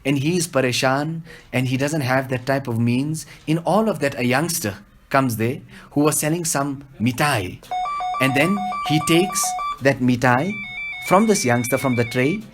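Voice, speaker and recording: Man, religious teacher, storytelling talk, mid-pitched. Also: music in the background. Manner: storytelling, quotes couplets, slows for emphasis. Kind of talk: devotional discourse.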